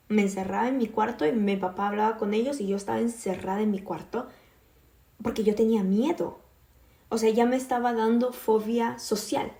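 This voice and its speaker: A woman in her twenties from Puerto Rico, telling her personal faith testimony in an earnest, halting way with many fillers. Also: a little high, gravelly, warm tone, reverberant.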